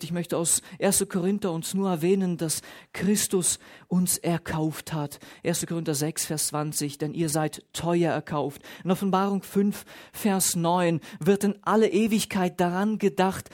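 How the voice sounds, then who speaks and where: A preacher teaching through a sermon at an unhurried, measured pace. The voice is of middling pitch, neither high nor low. Key points swell loud and the closing phrases sink quiet. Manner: slow and deliberate, rising loud on key points and dropping low to close them. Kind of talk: expository sermon.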